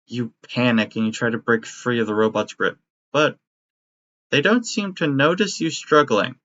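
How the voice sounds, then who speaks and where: A man acting as game master, narrating a tabletop game in a steady, descriptive way. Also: mid-range voice, moderate pace. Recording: dry, slightly muffled audio.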